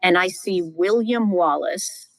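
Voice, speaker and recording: Animated middle-aged woman scholar, dry sound. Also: lowish voice, slow pace, dry recording, poor audio. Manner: animated, vivid storyteller, exclaims often. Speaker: guest Old Testament scholar. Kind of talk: podcast interview, teaching.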